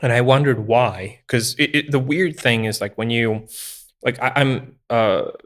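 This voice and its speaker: Man, halting restarts. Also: medium pitch. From Poland. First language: Polish. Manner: hesitant, many restarts and fillers. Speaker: podcast guest. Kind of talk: casual interview chat.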